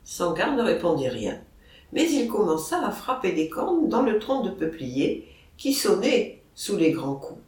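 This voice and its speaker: A reader narrating a novel in a measured, expressive storytelling manner. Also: mid-range voice. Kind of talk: audiobook narration. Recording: roomy, distant mic.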